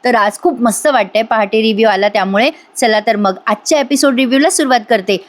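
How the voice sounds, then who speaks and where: A woman with a high voice recaps a TV serial episode in a chatty voice-over. She talks straight to her listeners and acts out the characters' lines as she goes. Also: quick pace. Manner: chatty, addresses listeners directly. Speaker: TV serial reviewer. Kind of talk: voice-over episode review, retelling scenes.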